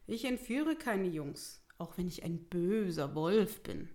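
A woman's voice: lowish voice, lively intonation, slow, a little mellow. A woman voicing a grumpy, sarcastic male wolf who works as a stonemason in a storybook reading. He answers curtly and mockingly. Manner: curt, mocking, irritable.

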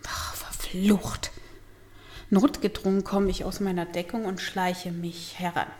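A woman reading a comic first-person story aloud, wry and lively, with whispered asides. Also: on the low side, normal speed. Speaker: audiobook narrator. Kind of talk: first-person comedic audiobook narration.

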